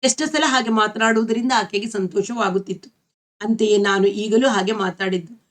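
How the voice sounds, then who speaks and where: A woman storyteller reading a novel aloud in a steady, even manner. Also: mid-range voice, moderate pace.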